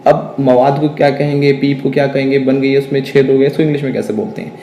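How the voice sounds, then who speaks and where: A man teaching a spoken English lesson, lively and questioning, dictating example sentences very slowly. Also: medium pitch, echoey room, slight background noise.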